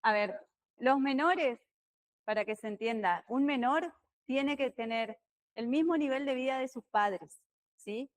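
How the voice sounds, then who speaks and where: A woman with an Argentine accent teaches a law class in a classroom. Her voice sits a little high, and she tends to get loud as she explains. She keeps questioning her students as she goes. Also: unhurried. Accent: Argentine Spanish. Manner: lively, talks loud, asks students questions. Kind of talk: classroom lecture.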